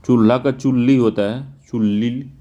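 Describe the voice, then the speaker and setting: Indian man teaching exam answers, mellow dark voice, drags out words when stressing them. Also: mid-range voice, fairly even intonation, lo-fi sound. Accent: North Indian Hindi. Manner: repeats words slowly, drawn-out emphasis. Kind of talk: explaining test answers.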